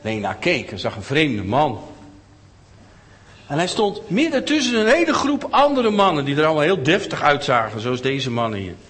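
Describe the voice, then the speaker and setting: A middle-aged man telling a story to children in an animated way, often asking them questions. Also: a little high, moderate pace, long reverb tail, slight background noise. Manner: animated, asks listeners questions.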